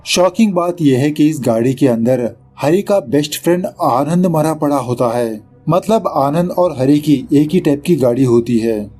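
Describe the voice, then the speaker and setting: Dark-voiced man casually recapping a film. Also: mid-range voice. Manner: chatty storytelling, mixing English words into the telling; mocks the film's director mid-story. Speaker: movie recap narrator. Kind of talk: casual movie explanation voice-over.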